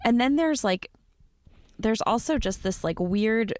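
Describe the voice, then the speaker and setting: A woman's voice: a little high, expressive, unhurried, darkish tone, no room sound. A woman co-hosting a podcast, speaking frankly in casual chat with lots of fillers like "like". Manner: frank, frequent verbal fillers and agreeing interjections. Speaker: podcast co-host.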